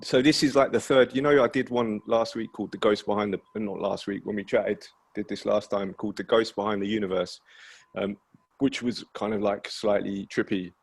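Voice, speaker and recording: Nervous guy at an online poetry open mic, kinda low husky voice. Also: level tone, normal speed. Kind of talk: spoken word poetry and casual chat between poems. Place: online virtual open mic over video call.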